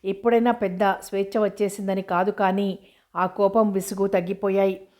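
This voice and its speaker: A woman reading as a shy young woman, anxious and earnest, speaking in a flat, even voice. The reading is steady and level, as in a storybook read aloud. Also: medium pitch, normal speed, natural voice. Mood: troubled.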